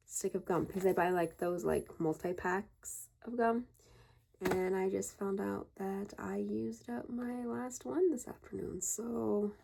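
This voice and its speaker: Woman, casual home vlog, rambling chatty talk, slightly breathless, gravelly voice, faint background noise. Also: mid-range voice, warm tone. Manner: chatty and rambling, with many fillers. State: a bit out of breath. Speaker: vlogger. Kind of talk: casual chat. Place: home, indoors.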